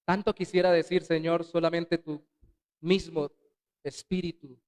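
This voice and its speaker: A man preaching a sermon as pastor in a church, swinging between loud bursts and soft, dropped words. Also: on the high side, level tone, measured pace. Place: church sanctuary.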